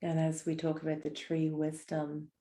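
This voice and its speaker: A woman leading a guided breathing meditation, speaking softly and slowly with gentle invitations. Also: sits low, completely flat delivery. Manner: soft, slow and soothing, gentle invitations.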